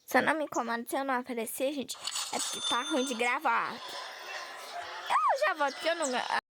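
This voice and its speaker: A woman's voice: sits high, quick pace, heavy background noise. A young Brazilian woman chatting casually to viewers while playing a phone game, talking to them constantly. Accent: Brazilian Portuguese. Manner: chatty, addresses viewers often. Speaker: gaming vlogger. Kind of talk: casual gameplay chat. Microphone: phone recording.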